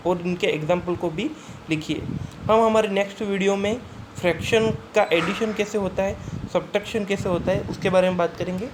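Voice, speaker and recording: High-voiced male math teacher. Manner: explains step by step, asks and answers own questions; reads English definitions slowly. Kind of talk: school math lesson. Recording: noisy recording.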